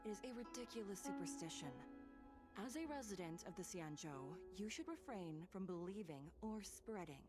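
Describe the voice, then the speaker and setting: A woman's voice: medium pitch, expressive, moderate pace, close to an everyday voice. A woman playing a curt, stern judge. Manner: curt, dismissive. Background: loud game music.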